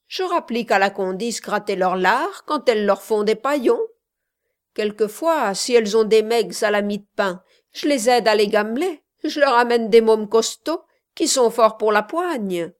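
A woman voicing a cocky young male street tough who rattles off boastful slang in a storybook reading. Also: on the high side. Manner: boastful, rapid slang patter.

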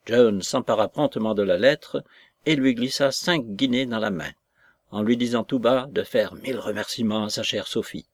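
A man narrating a classic novel aloud in a measured storytelling manner. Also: mid-range voice, dry recording, studio quality. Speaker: audiobook reader. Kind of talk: scripted narration.

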